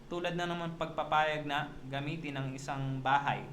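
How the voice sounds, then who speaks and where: A man appearing as a police officer guest on a radio show, formally explaining laws and their penalties and reading legal terms in a measured way. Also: fairly high pitch, steady tone, a bit bright, a little hiss or hum. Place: radio studio.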